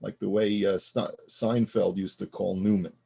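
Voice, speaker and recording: Man, rabbi, low voice, husky, reads Hebrew text and explains in English, conversational teaching, fillers and restarts. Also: flat delivery, moderate pace, mellow. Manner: reads Hebrew passages aloud, then explains them in plain conversational English; frequent fillers and restarts, checking in with the listener. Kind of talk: text study lesson.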